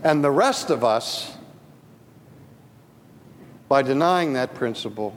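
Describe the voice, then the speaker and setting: A man preaching a sermon, telling a personal story with slow, emphatic phrasing and dramatic pauses. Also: medium pitch, expressive, slight background noise. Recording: reverberant hall with faint ambience.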